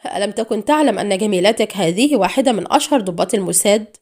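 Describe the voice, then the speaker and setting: A woman's voice: medium pitch, quick pace. A woman reading a defiant captive female agent. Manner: calm, mocking defiance. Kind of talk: audiobook reading.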